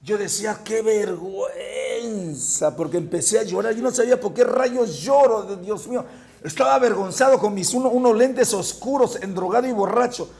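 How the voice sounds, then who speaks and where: A male pastor preaching a fervent sermon, moving from hushed storytelling to shouted points and often repeating words. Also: high voice, animated, fairly quick, creaky. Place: church.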